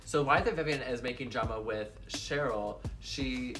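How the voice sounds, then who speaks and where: A man co-hosting a casual chat review as a drag queen, chatty and quick to laugh. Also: mid-range voice, recorded from a distance, music in the background. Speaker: podcast co-host, drag queen.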